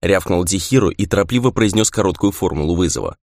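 A man reading a fantasy novel aloud in a lively narration style. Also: low-pitched, fast talker, no room sound, clean studio sound. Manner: lively reading, raises voice for shouted lines. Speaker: audiobook narrator. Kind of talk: scripted narration.

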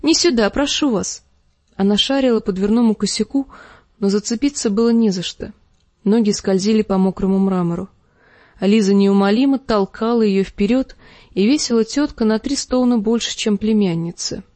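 A woman reading an audiobook aloud as expressive, dramatic narration. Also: mid-range voice, moderate pace, no room sound. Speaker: audiobook reader. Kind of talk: scripted narration.

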